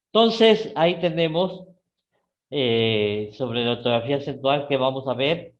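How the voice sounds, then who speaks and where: A middle-aged man with an Ecuadorian Spanish accent teaching a live class, often checking in with his students and rising sharply in pitch on key words. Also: a little slow, muffled recording. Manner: repeats "¿sí?" and "¿no es cierto?" to check on students; lively, with sudden rises in pitch.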